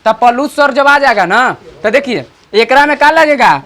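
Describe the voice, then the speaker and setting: An online teacher, explaining grammar slowly and repeatedly checking understanding with rhetorical questions. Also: high voice, lively intonation, a bit bright. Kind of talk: grammar lesson.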